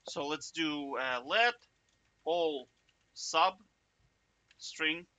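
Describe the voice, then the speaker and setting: A man's voice: on the high side, extremely slow, pushed and bright. A man giving a casual, chatty coding walkthrough, thinking aloud and checking in with the viewer. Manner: chatty, self-interrupting, jokey asides; checks in with "right?" often. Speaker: coding tutor.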